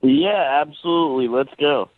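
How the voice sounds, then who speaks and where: A man's voice: on the high side, moderate pace, no room sound, narrow, tinny audio. A man calling in to a radio show, sheepish and laughing at himself. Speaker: caller. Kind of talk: phone call on radio show.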